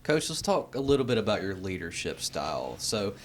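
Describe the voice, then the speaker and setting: A man's voice: on the low side, sing-song, a little fast, a little hiss or hum. A man asking conversational questions as a sports interviewer.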